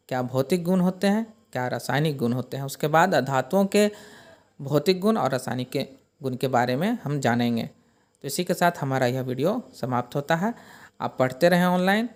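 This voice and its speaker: A male teacher giving a chemistry lesson, explaining step by step and often rephrasing his points. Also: on the high side. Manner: explanatory, repeats and rephrases points, occasional fillers.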